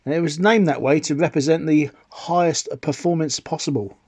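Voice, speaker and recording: Chatting through a casual product review, this middle-aged British man, a radio hobbyist who presents videos, explains things and asks rhetorical questions along the way. His voice is fairly high, husky and darkish at normal speed, recorded with no room sound.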